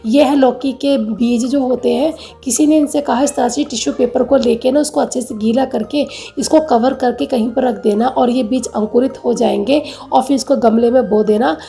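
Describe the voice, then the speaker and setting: A woman's voice: a little high, steady tone, normal speed, creaky, few pauses, mellow, roomy sound, soft background music. A woman chatting casually through a home vlog with a rambling, homely way of giving advice. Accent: Hindi, north Indian. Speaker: vlogger. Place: home kitchen.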